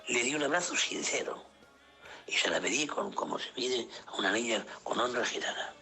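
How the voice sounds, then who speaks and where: A man preaching an emotional sermon, sinking into hushed whispers and rising into high cries. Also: animated, normal speed, faint music behind. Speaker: pastor.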